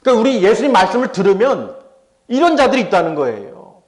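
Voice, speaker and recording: A man's voice: high-pitched, very animated, quick pace. A middle-aged man preaching a sermon as pastor. He dramatizes the voices of scoffers and of Jesus, and he calls out to the congregation for amens.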